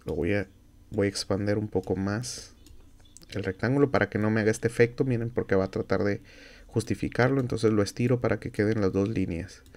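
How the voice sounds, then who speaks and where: A low-voiced Mexican man with a gravelly edge, recording a screen tutorial at his computer. He explains each click step by step, stopping for fillers and small corrections. The delivery is that of a patient classroom teacher. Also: steady tone, a little fast, darkish tone. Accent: Mexican Spanish. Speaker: university instructor.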